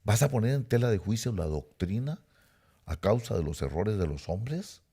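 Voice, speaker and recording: A man's voice: fairly low pitch, very animated, normal speed, dark tone, breathy edge. A middle-aged man preaching a sermon, emphatic and repetitive, speaking straight to his listeners. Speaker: pastor.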